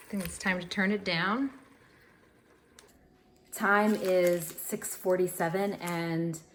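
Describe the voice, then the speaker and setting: Woman, casual cooking vlog, low voice, unhurried, echoey kitchen, faint background hum. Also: a bit bright. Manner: self-deprecating, chatty, talks while eating. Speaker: vlogger cooking at home. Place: home kitchen.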